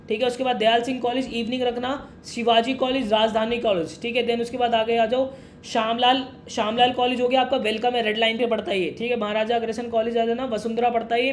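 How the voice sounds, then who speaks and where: A young man explains things quickly and casually, calling the listener "brother". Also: very high-pitched, a little hiss or hum. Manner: fast, brotherly, addresses viewer as "mere bhai". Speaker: education YouTuber. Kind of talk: casual explainer talking to camera.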